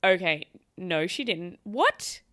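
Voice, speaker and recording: A woman's voice: on the low side, slow pace, no echo. Outspoken woman host, dry close sound. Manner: animated and outspoken, swears freely; talks straight to the viewer and to a friend off-camera. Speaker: host reacting to online stories. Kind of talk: casual reaction chat.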